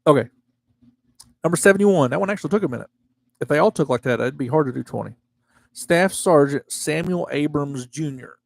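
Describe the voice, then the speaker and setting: Gravelly-voiced man reading names, slightly slurred. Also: on the high side, dry recording. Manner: halting, restarts often, reads dates and units slowly. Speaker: livestream host. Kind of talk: casual memorial reading on a livestream.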